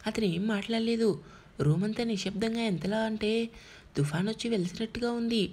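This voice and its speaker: A woman's voice: on the high side, a little fast, darkish tone, slightly rough. A woman narrating an emotional family drama as an audiobook storyteller, telling it expressively.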